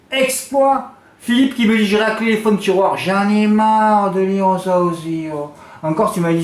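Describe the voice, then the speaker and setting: Middle-aged man, high voice, echoey room; lively storyteller acting out dialogue. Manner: animated storytelling, acts out dialogue in exaggerated voices. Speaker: horse racing tipster. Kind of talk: casual vlog monologue.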